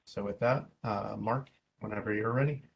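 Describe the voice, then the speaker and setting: A man's voice: lowish voice, moderate pace, gravelly, husky, rough recording. A man chairing a meeting and introducing the next speaker, hesitant with fillers.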